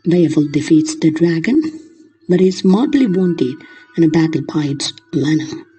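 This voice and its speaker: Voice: mid-range voice, animated, moderate pace, warm tone, husky, faint music behind, poor audio. A lecturer explaining literature in the manner of a lesson, glossing terms in simple words along the way.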